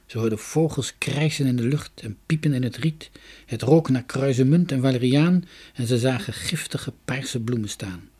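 A man reading a children's story aloud in an expressive, dramatic way. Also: mid-range voice, moderate pace, slightly rough. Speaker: narrator.

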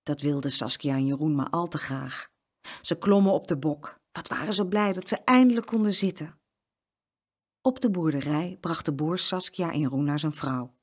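A woman reading a children's book aloud in an expressive, animated way. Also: sits low, moderate pace, breathy edge. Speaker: storyteller.

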